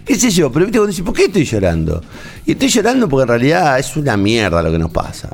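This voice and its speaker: A man's voice: medium pitch, huge pitch swings, fast talker, gravelly. A man with an Argentine Spanish accent, talking in a casual, rambling, emotional way as a host, with many restarts. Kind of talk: casual on-air chat.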